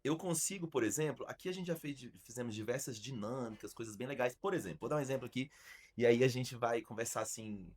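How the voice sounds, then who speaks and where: Animated Brazilian man hosting a podcast. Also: mid-range voice, fast, breathy edge. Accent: Brazilian Portuguese. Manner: animated, emphatic storyteller with frequent restarts. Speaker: podcast host and arts school founder. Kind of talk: casual podcast chat.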